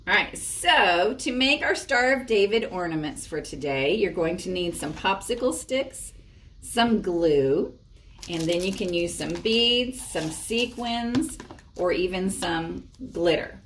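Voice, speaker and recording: A woman's voice: fairly low pitch, expressive, slow, a bit bright, slight background noise. A woman presenting a library storytime, reading and explaining crafts expressively for young children. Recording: echoey room, distant microphone.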